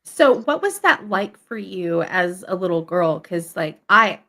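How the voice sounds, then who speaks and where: A woman hosts a casual chat and asks her guest questions at an easy pace. She often pauses, hesitates and uses fillers as she gathers her thoughts. She sounds friendly and relaxed in conversation. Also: on the low side. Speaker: host.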